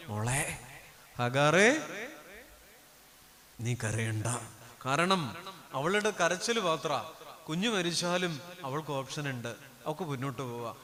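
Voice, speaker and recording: Dramatic preaching priest, man. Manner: dramatic preaching, swinging from loud declamation to low hushed asides. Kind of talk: sermon. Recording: long hall reverb.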